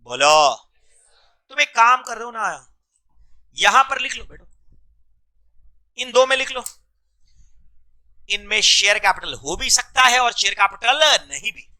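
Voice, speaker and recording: Bright, high-voiced male teacher drilling a class. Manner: drills students with repeated quick questions; mixes English terms into Hindi. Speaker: commerce law teacher. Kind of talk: classroom lecture.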